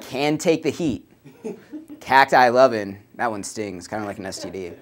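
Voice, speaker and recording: A man's voice: fairly low pitch, animated, normal speed, a crowd in the background. A young man hosting a student comedy talk show, delivering dry jokes with mumbled asides. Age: young adult.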